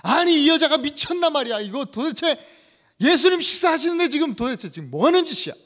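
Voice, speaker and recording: A man preaching in Korean acts out an angry male disciple who shouts and scolds in rough casual speech. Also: on the high side, normal speed, pitched below the performer's own voice. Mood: angry scolding. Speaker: pastor.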